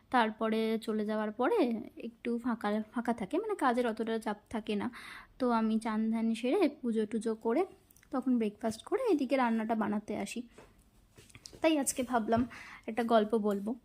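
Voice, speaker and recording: A woman's voice: fairly high pitch, darkish tone. A woman from India with a Bengali accent, chatting casually in her kitchen and telling a story while she cooks, with frequent fillers. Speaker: vlogger. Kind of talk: casual chat while cooking. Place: home kitchen.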